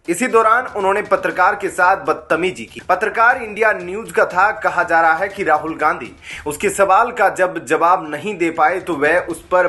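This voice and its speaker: A man reading a scripted news voice-over in a steady, formal newsreader manner. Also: high voice. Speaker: news narrator.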